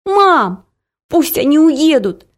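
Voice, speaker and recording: A woman's voice: a little high, animated, a little slow, warm tone, voice pushed up. A woman voicing an upset, stubborn little girl who pleads and protests in a storybook reading.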